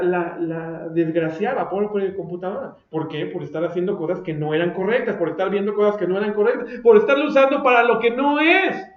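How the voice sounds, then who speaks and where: A male pastor with a Mexican accent preaches a fiery, confrontational sermon in a high voice. He scolds and mocks by turns. The recording is echoey and dull-toned. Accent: Mexican Spanish. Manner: fiery and confrontational, with mocking asides. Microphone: recorded for video. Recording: roomy echo, dull lo-fi sound.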